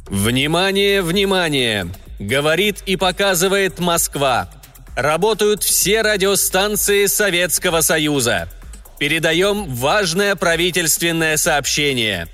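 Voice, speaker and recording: A man's voice: a little high, expressive, pushed and bright, faint music behind, voice pushed up, heavily acted. A man doing a solemn Soviet radio announcer. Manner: slow, ceremonial proclamation.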